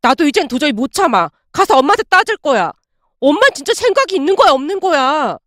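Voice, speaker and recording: A woman's voice: high-pitched, big pitch swings, fast, no room sound, clean studio sound. A woman voicing a hot-tempered young husband who bursts out in anger. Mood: angry. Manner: heated, shouting outbursts.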